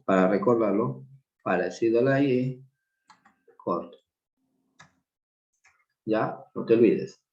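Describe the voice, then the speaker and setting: A man teaching an online English class, explaining slowly and patiently with repeated examples. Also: lowish voice, dark tone, reverberant, muffled recording. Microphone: video call.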